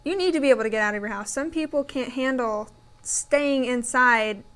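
A woman co-hosting a morning talk show, relaxed and conversational. Her voice sits slightly above the usual female pitch, and she often adds short, agreeing replies. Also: normal speed. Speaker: co-host. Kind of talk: casual chat.

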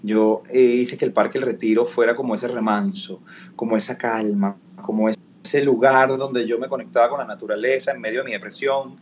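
A man's voice: mid-range voice, steady tone, normal speed. A man, a guest talking casually and reflectively, with many "eh" and "este" fillers. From Venezuela. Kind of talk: casual conversation. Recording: dull lo-fi sound with faint background noise.

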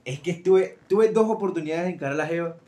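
A young Venezuelan man in quick, slangy, teasing casual chat. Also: a little high, darkish tone. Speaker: podcast co-host. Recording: echoey room.

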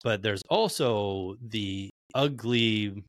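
A man's voice: fairly low pitch, extremely slow, no echo, studio quality. A man hosting a podcast, talking candidly in a loose, casual way and swearing freely. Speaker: podcast host.

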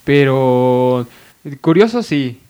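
A man's voice: medium pitch, expressive, very slow, darkish tone, smooth. A young man with a Mexican accent, a podcast co-host telling a family anecdote in casual chat, laughing as he goes.

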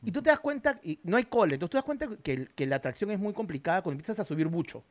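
Animated storytelling comedian. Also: male voice, high voice, rapid-fire. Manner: animated, acts out quotes, laughs often. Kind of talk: casual storytelling.

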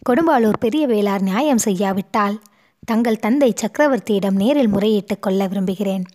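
A woman's voice: medium pitch, fairly quick, darkish tone, close to an everyday voice. A woman voicing a distraught young noblewoman who pleads and sobs with guilt, in a storybook reading. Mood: pleading. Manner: pleading, sobbing between words.

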